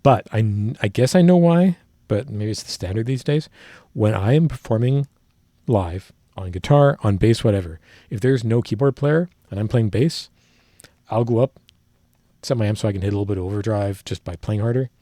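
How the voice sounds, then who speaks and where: A man's voice: fairly low pitch, normal speed, mellow, no echo, studio quality. A man who is a working musician, casually analyzing a song, rambling and technical, often correcting himself as he thinks aloud. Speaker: musician reacting to a music video.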